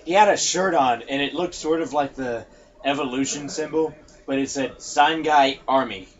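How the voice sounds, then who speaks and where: A man's voice: medium pitch, normal speed. A man co-hosting a casual wrestling podcast, rambling with joking asides, on a muffled lo-fi recording. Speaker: podcast co-host. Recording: muffled lo-fi recording with faint hiss.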